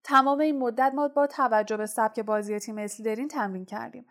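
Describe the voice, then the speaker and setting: A woman's voice: a little high, fairly even intonation, close to an everyday voice. Oliver Wood, read by a woman, an intense boy captain. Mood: bitter. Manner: urgent, clipped and insistent. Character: intense teenage boy team captain, stern and driven.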